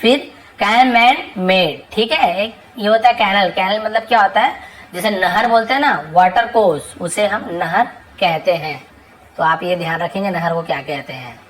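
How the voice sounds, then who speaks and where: A woman teaches English words one by one, speaking each word slowly and then repeating its meaning with patience. She has a voice of middling pitch and the easy, steady pace of a tutor talking through a word list. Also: rough recording. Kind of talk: reading a word list with Hindi explanations.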